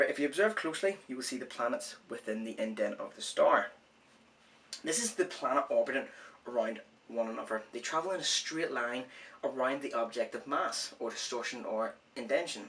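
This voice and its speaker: Medium-pitched and a bit bright, this male science-series host says w for r because he can't pronounce R clearly. His explainer is informal and self-deprecating, partly scripted and partly ad-libbed, with rambling asides. The mic is distant, and there's a little hiss or hum.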